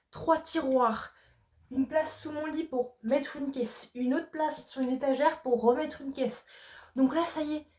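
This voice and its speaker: A woman's voice: on the high side, a little mellow. A young woman chatting casually in a vlog, rambling and poking fun at herself. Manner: chatty, rambling, self-mocking. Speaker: vlogger. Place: bedroom. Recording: echoey room.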